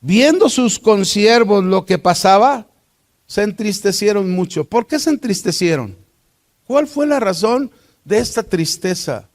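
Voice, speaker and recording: A man's voice: high-pitched, animated, measured pace. A man with a Mexican accent teaching a Bible class, posing rhetorical questions to his students.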